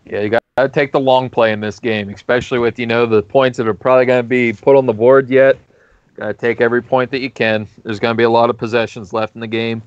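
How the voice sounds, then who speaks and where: Male play-by-play caller, smooth and resonant, steady descriptive delivery; dry, slightly dull recording. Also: mid-range voice, fast talker, no echo. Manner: calls plays in steady descriptive runs. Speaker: play-by-play announcer. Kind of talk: live play-by-play commentary.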